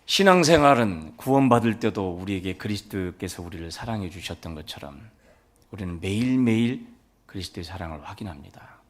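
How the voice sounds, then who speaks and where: A man's voice: low voice, animated, fairly quick. A man preaching a sermon as a pastor, telling folksy stories and acting out family dialogue. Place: church sanctuary.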